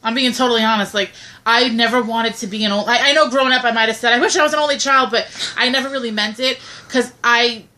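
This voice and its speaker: A woman's voice: fairly high pitch, fairly even intonation, fast talker, bright, forceful tone. A woman in her thirties chatting casually, rambling with many fillers and restarts as she answers questions. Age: 30s. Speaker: co-host. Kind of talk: casual chat.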